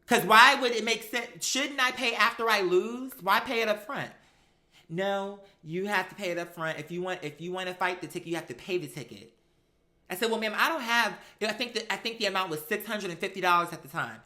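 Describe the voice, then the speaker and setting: An American live-stream host tells stories in a casual, animated, emphatic way, full of slang, acting out the exchanges. His pitch is medium and his pace brisk.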